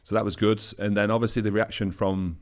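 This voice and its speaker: Very deep-voiced man telling stories casually. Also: level tone, brisk. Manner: easygoing anecdotal storytelling, loose with fillers. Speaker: bodybuilder guest. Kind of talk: casual interview chat.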